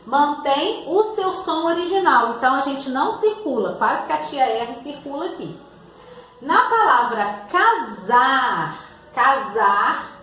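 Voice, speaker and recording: A Brazilian woman teaching third graders in a recorded class, drawing out each word in a slow, sing-song teacher voice. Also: high voice, fairly bright tone. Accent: Brazilian Portuguese. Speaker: primary school teacher. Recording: echoey room with faint noise.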